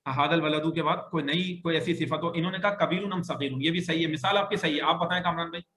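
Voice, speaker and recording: Bright, high-voiced male teacher in echo. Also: a little hiss or hum. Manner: patient, repeats sentences slowly and corrects students. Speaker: Arabic teacher. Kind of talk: classroom grammar lecture. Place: classroom with online students.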